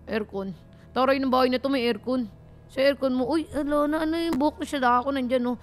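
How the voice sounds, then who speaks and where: A young woman hosting a let's-play of a horror game, jokey and excitable, with loud startled outbursts. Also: sits high, fairly quick. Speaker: gaming channel host. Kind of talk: let's-play gaming commentary.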